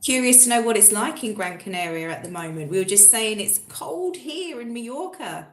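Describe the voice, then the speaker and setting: A woman's voice: a little high, lively intonation, normal speed, reverberant, slight background noise. A woman co-hosting a live online recruitment Q&A, upbeat and encouraging toward viewers. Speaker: recruitment co-host, former hotel rep. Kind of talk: live Q&A chat.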